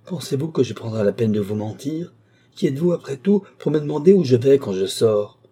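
A man reading the part of a proud young woman who answers back with sharp, scornful defiance. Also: mid-range voice, expressive, fairly quick, breathy edge, voice pushed up. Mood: defiant.

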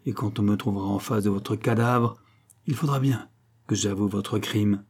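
A man's voice: fairly low pitch, fairly even intonation, moderate pace, darkish tone, husky. A man voicing a thirteen-year-old boy duke who speaks with firm, solemn command. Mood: coldly resolute.

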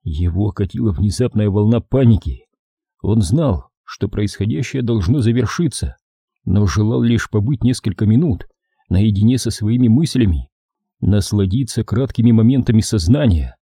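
A man reading an audiobook as narrator, in a steady, measured voice. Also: fairly low pitch, husky, dry recording, clean studio sound. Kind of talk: scripted narration.

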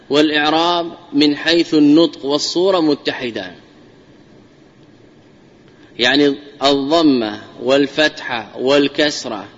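A man giving a classical Arabic grammar lesson as a sheikh, speaking deliberately and repeating key phrases to drive definitions home. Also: on the high side, a bit bright. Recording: muffled lo-fi lecture audio with long hall reverb.

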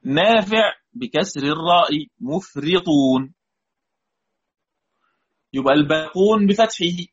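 A man's voice: on the high side, lively intonation, a little slow, pauses often, breathy edge, lo-fi sound. A man with an Egyptian accent teaching a recorded lesson on Quranic readings, patiently repeating key words and quizzing his students. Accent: Egyptian Arabic.

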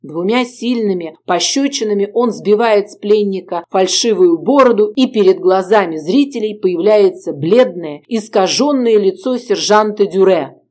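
A woman reading an adventure novel aloud as audiobook narrator, in a measured, expressive way. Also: mid-range voice.

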